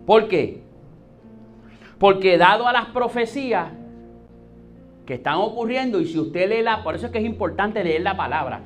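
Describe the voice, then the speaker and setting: A man preaching a sermon, posing rhetorical questions to his listeners and rising to emphatic, drawn-out peaks. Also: high voice, expressive, soft background music.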